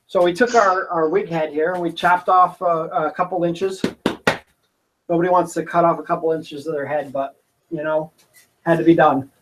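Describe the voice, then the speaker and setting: A man leads a laid-back livestream tutorial from an indoor workshop, talking through each step as his hands stay busy. His voice sits a little high for a man, and he rambles easily with plenty of pauses and fillers. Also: steady tone, a bit bright, slight background noise, poor audio. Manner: easygoing, rambling, talks while working with hesitations. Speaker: prop-building workshop host. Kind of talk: casual livestream craft tutorial. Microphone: camera on a desk he moves around.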